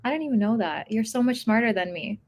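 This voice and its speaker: A young adult woman co-hosting a podcast, telling stories in a lively, casual way and laughing easily. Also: on the high side, fast talker. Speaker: podcast co-host. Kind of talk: casual chat.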